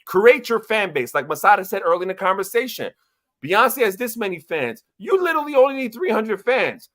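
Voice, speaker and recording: The livestream panel's host is a New York-accented man on a video call whose voice sits high with big pitch swings and a fairly bright tone. He speaks a little fast, casually but emphatically, motivating listeners and repeating points for effect.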